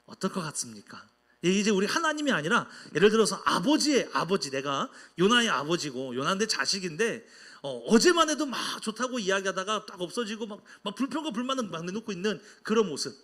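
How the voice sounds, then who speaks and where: A man delivers a sermon with lively, dramatic swings in his voice. He speaks higher than most men and acts out the words he quotes as he preaches. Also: a little fast. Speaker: pastor.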